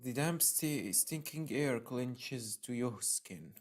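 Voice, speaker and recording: On his stream, a game streamer with an ordinary mid-range male voice reads a horror visual novel aloud, slowly and animatedly, dwelling on the narration. Between passages he bursts into emotional outbursts, mixing dramatic reading with reactions.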